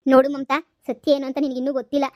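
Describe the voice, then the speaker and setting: A woman's voice: sits high, level tone, fast, dry recording, highs cut off, natural voice. A woman voicing a rich landlord's wife in a cartoon comedy, talking in a placating but insistent way.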